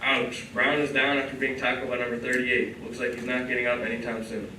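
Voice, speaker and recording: A man's voice: medium pitch, flat delivery, a little fast, heavy background noise, close to an everyday voice. A man playing a football play-by-play announcer in a stage drama. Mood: eager commentary. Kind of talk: sports commentary in a stage play. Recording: echoey hall, distant, loud music.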